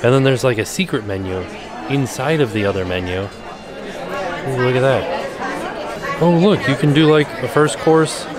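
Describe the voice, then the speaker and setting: A man casually vlogs as he walks through an outdoor shopping plaza and into an indoor restaurant, chatting enthusiastically about menus and food with frequent "ooh"s. His medium-pitched voice is expressive and unhurried, with long pauses, while music and a crowd can be heard behind him.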